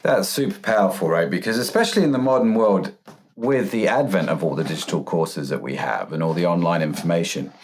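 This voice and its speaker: A man's voice: deep voice, a little fast, darkish tone, slightly rough. A man hosting a podcast, listening supportively and asking questions, often ending with tag questions. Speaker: podcast host. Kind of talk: casual podcast interview.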